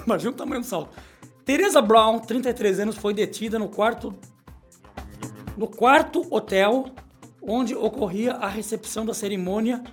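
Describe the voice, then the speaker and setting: A middle-aged man hosts a comedic radio show from a small studio, joking, rambling, and reading news items aloud on a studio microphone. His pitch swings up and down as he speaks.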